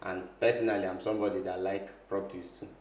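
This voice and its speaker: Man, Igbo Nigerian accent, lowish voice, code-switching with English, conversational explainer, roomy echo. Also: flat delivery, fast, a little mellow, slight background noise. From south-eastern Nigeria. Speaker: interview guest, real estate lawyer. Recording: echoey room.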